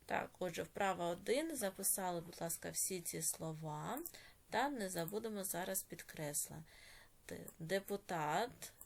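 A woman teacher with a Ukrainian accent giving an online lesson to young children and slowly dictating words with clear stress. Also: fairly low pitch. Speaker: primary school teacher.

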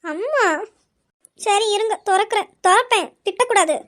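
A woman's voice: very high voice, normal speed, a bit bright. A woman playing a lazy, cheeky daughter who whines and talks back to her mother in a comic family skit. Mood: whiny. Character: cheeky, lazy, sulky girl who oversleeps.

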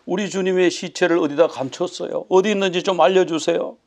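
Grieving women as put on by a man, tearful, pleading, slightly higher, gravelly. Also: fairly even intonation, fairly quick, darkish tone.

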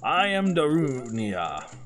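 A man voicing the gruff, hulking chief of a rock-eating people in a video game, reading his lines aloud. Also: on the high side, sing-song, slow, fairly bright tone, full character voice. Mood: proud.

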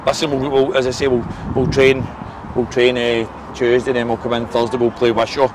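After the match, a Scottish manager in his forties gives a frank interview outdoors by the football pitch, repeating himself and saying "eh" and "listen" a lot. His mid-range voice is flat at normal speed, with traffic passing amid outdoor noise.

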